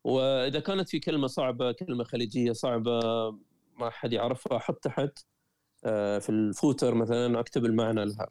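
A man with a Gulf Arabic accent speaks briskly and eagerly as a guest, often breaking off and restarting his sentences. His voice is mellow and dark in tone. He is recorded close to the mic with a dry sound. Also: mid-range voice, no echo. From Qatar. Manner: lively storyteller, frequent self-corrections and restarts. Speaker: guest, traveler and writer. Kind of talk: conversational interview.

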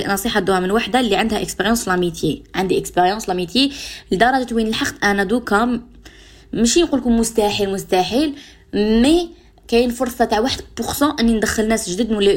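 A woman radio host with an Algerian Arabic accent talks at a rapid clip, her pitch sitting in an ordinary middle range. She speaks directly to her listeners and walks them through examples. She mixes French and English words into her dialect. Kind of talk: advice talk to listeners.

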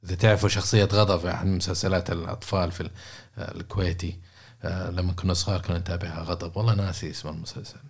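A man's voice: low voice, flat delivery, rapid-fire, creaky. A man giving a casual coaching talk, repeating words and checking in with listeners by asking questions. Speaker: podcast host and coach.

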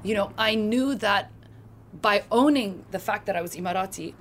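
A woman's voice: mid-range voice, normal speed, slight background noise. A woman with a Californian American accent, a podcast guest talking passionately in casual chat, often restarting her sentences. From France. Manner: passionate, emphatic, frequent restarts.

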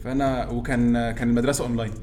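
Young Egyptian male co-host, rapid delivery, casual storyteller among friends. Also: mid-range voice, level tone, darkish tone, soft background music. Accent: Egyptian Arabic. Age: young adult. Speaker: podcast co-host.

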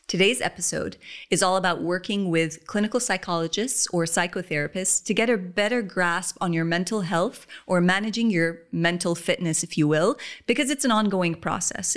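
A woman hosting an interview podcast, giving measured introductions and laughing easily with her guest. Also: on the low side. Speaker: podcast host.

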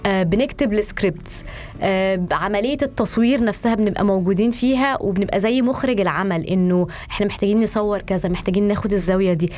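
A woman's voice: medium pitch, racing, darkish tone, soft background music. A woman in her thirties with an Egyptian accent in a conversational studio interview, mixing English words and phrases into her Arabic. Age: 30s. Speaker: podcast guest, journalist and producer.

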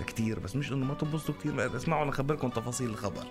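A man's voice: mid-range voice, very fast. A man with a Lebanese Levantine Arabic accent, co-hosting a radio show with joking, casual banter. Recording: music playing behind the voice. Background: music.

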